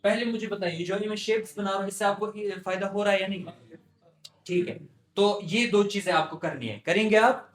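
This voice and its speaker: A man teaching a Quran recitation class, patiently drilling his students and repeating words slowly. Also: sits high, echoey room.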